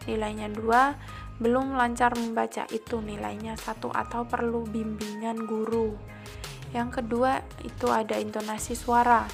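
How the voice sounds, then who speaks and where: Woman, flat even delivery, gravelly tone, explains step by step, faint background music. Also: a little high. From Indonesia. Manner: walks through each item step by step, repeats phrases, restarts words. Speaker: student teacher explaining a lesson plan. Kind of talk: explaining assessment rubrics aloud.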